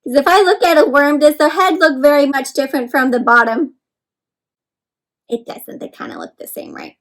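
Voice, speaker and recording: A children's read-aloud storyteller with a high-sitting voice moves through a picture book at a moderate pace. Her delivery is animated and supportive, and she talks right to the kids with questions and plain explanations.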